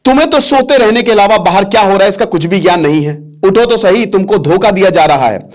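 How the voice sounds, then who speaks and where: A man's voice: high voice, lively intonation, a little fast. A man voicing a scheming old female maidservant who scolds a queen in urgent, insistent words. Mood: scolding, urgent. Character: scheming old female maid stirring trouble.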